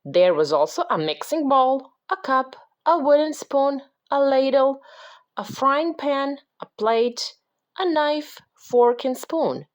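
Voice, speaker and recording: A woman reading a children's picture book aloud as a parent, with slow, expressive storytelling. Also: high-pitched.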